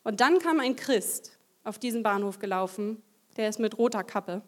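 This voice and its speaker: A woman's voice: medium pitch, animated, moderate pace. A woman giving a testimony sermon to a congregation. She tells a story vividly and acts out the voices in it. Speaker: lay preacher.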